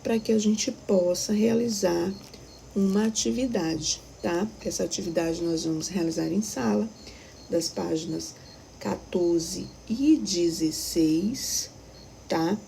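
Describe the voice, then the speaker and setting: A woman's voice: on the low side, slow, creaky, warm tone, a little hiss or hum, poor audio. A Brazilian woman teaching a recorded primary school lesson, patiently explaining step by step and checking that the children follow. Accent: Brazilian Portuguese.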